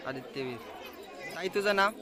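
A man's voice: high voice, expressive, normal speed. A man vlogging as he walks through an outdoor village market, asking short, friendly questions and repeating the answers back. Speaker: vlogger touring a school children's market. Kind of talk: casual walk-around interviewing. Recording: busy outdoor crowd noise. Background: crowd of children.

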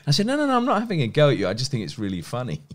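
A West Country man in his fifties, a sports journalist and broadcaster with an educated English accent, tells stories conversationally as an interview guest. His medium-pitched voice swoops wildly and races along very fast. He's recorded on a close stand microphone in a small, plain indoor room.

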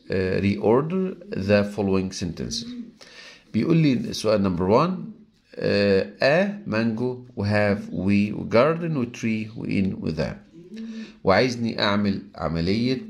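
A man with an Egyptian Arabic accent teaching English grammar, explaining step by step, reading English sentences slowly and acting out his students' questions. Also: on the low side, creaky, darkish tone. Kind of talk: recorded grammar lesson.

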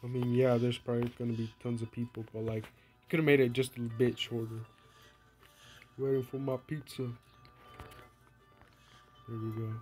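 A man's voice: medium pitch, flat delivery, moderate pace, long pauses, a little mellow, soft background music. A young man who is sick, casually narrating his game in a rambling, playful, self-mocking way. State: sick, coughing. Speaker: gaming vlogger. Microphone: phone screen recording.

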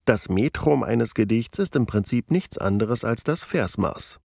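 A man narrating a scripted educational video, explaining clearly and deliberately. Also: mid-range voice, expressive, a little mellow, dry recording, clean studio sound. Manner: clear, deliberate explaining, slowing down to read verse with stressed syllables.

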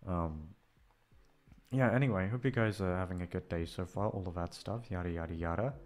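An audio creator rambles in a casual chat to his listeners, sounding hesitant, repetitive, sweary and self-deprecating. His voice sits low with a darkish tone, and he talks briskly.

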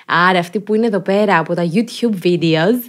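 A woman hosting a podcast in a casual, chatty way with joking, ironic asides. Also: on the low side. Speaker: podcast host. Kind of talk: casual chat.

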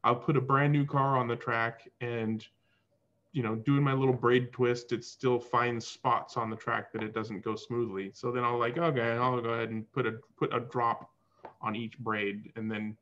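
A man hosting a casual video call chat, explaining things at length in a relaxed way from a room at home. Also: mid-range voice, normal speed, muffled recording. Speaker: host.

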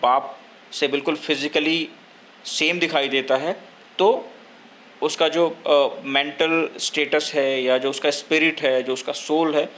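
A young man, explaining a story line by line in a lesson, pausing often with fillers. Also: a little high, steady tone, a bit bright, a little hiss or hum. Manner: slow, hesitant explaining with frequent filler pauses. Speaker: teacher.

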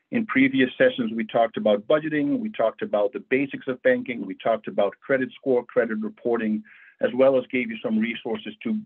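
Over tinny, phone-like audio on a video call, a bank financial educator from the Netherlands hosts a friendly webinar on banking. He keeps it conversational and full of fillers. His voice is mid-range with a breathy edge.

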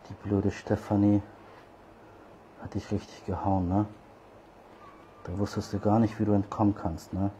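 A man's voice: on the low side, flat delivery, normal speed, long pauses, warm tone, a little hiss or hum. A man talking casually to street cats as he feeds them outdoors, coaxing and scolding them with a rising, sing-song voice when he calls them over. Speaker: cat feeder and channel host. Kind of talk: casual talk to cats while feeding.

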